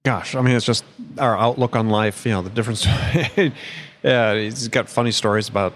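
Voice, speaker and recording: A male podcast host in casual talk, rambling with many restarts and chuckles, going hoarse after a long day. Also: on the low side, normal speed, fairly bright tone, a little hiss or hum. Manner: rambling, self-interrupting, chuckles often. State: losing his voice. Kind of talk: casual conversational chat.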